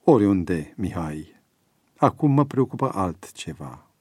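A man voicing a hushed, reflective aging father. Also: sits low, very animated, slightly rough, no echo, studio quality, full character voice. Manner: hushed, reflective, sometimes whispered. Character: thoughtful aging father, seeking faith.

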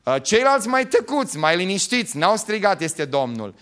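A pastor preaching with a somewhat high male voice. He swings from ringing exclamations down to quiet, joking asides. His delivery stays lively and warm toward the congregation. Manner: jokes and laughs with the congregation. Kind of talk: sermon.

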